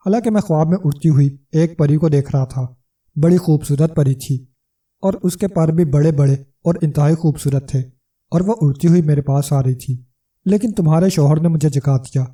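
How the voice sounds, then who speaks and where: A man's voice: on the high side, mellow, distant mic, natural voice. A man voicing a mocking, whiny young man who taunts his sister's husband, in a storybook reading. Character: mocking tearful young male brother-in-law.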